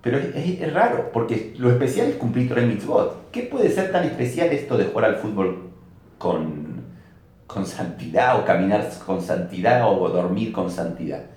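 Animated Argentine man teaching in an echoey room. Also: fairly low pitch, moderate pace. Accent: Argentine Spanish. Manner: storytelling with rhetorical questions, animated. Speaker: rabbi teaching a class. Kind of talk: religious lecture.

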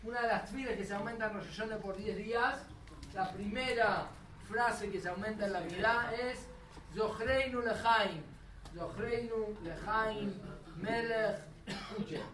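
A man with a Rioplatense accent, animated as he gives a religious storytelling lecture and chants quotations to a room with an audience. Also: high-pitched, moderate pace, crowd noise. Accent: Rioplatense Spanish. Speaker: religious teacher. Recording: roomy, distant and noisy.

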